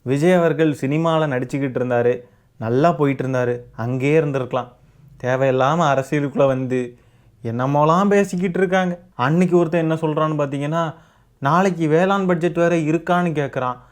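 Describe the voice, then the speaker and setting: A man's voice: on the high side, fairly even intonation, brisk. A man hosting his own channel, giving opinionated political commentary full of rhetorical questions and mockery. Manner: mocking, argumentative, rhetorical questions.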